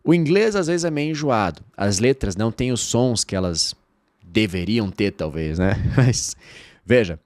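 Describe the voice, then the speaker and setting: A Brazilian man with Portuguese as his first language, teaching an online English lesson and drilling phrases slowly with repetition. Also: fairly low pitch, dry recording, clean studio sound. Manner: lively, drills phrases slowly and repeats them.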